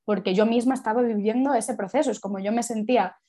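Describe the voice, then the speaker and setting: A woman's voice: on the high side, quick pace, warm tone. Candid reflective woman. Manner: reflective, candid, flowing with many "o sea" asides. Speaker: sexologist. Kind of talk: casual interview conversation.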